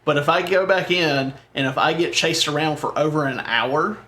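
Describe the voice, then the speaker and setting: A man's voice: on the high side, moderate pace, sharp tone. A man co-hosting a gaming podcast in casual chat, rambling and correcting himself as he goes. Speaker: podcast co-host.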